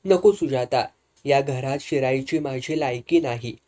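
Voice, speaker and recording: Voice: mid-range voice, measured pace, mellow, natural voice. A narrator doing a pleading remorseful woman. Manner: pleading, tearful.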